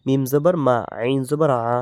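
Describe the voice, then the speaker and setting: Slow, clear-voiced Quran reading teacher. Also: male voice, mid-range voice, a little mellow, dry recording. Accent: Bangladeshi. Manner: slow, drawn-out drilling with repeated syllables. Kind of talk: spelling out Arabic letters and vowel marks, then reading words slowly.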